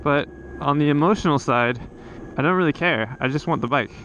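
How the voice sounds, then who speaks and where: This motovlogger's voice is fairly high, a bit bright, and a little fast as he rambles through a casual monologue with lots of fillers and restarts. He's riding a motorcycle outdoors on a coastal road, and the helmet-camera recording sounds muffled with slight background noise.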